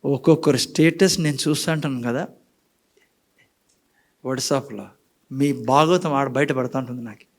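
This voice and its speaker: A man preaching a sermon in church with a Rayalaseema Telugu accent, asking the congregation questions and switching between quiet and loud passages, dropping in English phrases. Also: medium pitch, measured pace, pauses often. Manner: mixes in English words and phrases. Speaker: pastor.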